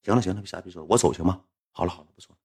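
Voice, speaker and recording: A man's voice: deep voice, rapid-fire, darkish tone, husky, pitched below the performer's own voice. A man voicing his sulky, aggrieved friend, muttering hurt complaints. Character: sulky wounded male friend, young adult.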